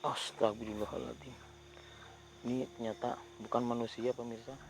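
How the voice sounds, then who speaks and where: Male ghost-hunt host, hushed on-location narration with sudden loud calls, crickets faint in the background. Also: mid-range voice, flat delivery, normal speed, gravelly, background noise. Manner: whispery, breaks into loud urgent calls. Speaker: ghost-hunting video host.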